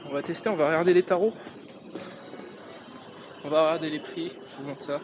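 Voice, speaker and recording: A man's voice: fairly high pitch, steady tone, brisk. A man from France chatting casually to viewers in a travel vlog, walking through city streets and into a metro station. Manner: chatty, informal, addresses viewers as "les gars". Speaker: travel vlogger. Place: outdoors on busy city streets, later in a quiet metro station. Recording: loud street noise behind. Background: traffic and street noise.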